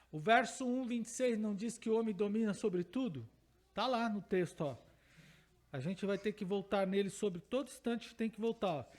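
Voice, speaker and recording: A man with a Brazilian Portuguese accent preaches a teaching sermon in a strikingly high voice. He presses his points by repeating phrases and putting questions to the congregation. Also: darkish tone. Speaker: pastor.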